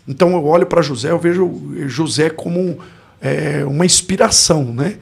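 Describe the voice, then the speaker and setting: On a podcast, a Brazilian pastor in his forties thoughtfully narrates his life, often reaching for words. He speaks at a moderate pace in a Brazilian Portuguese accent, his fairly high voice darkish in tone, with vocal fry and a breathy edge.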